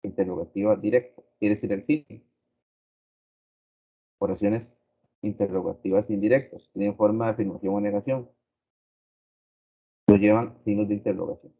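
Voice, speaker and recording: A man teaching a grammar lesson slowly and deliberately, repeating his examples. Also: lowish voice, steady tone. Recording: tinny phone-like recording.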